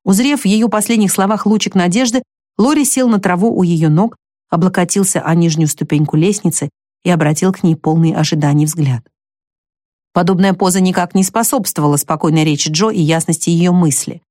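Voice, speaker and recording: A woman narrating a classic novel as an audiobook, steady and measured. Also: lowish voice, no room sound, clean studio sound. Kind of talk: scripted narration.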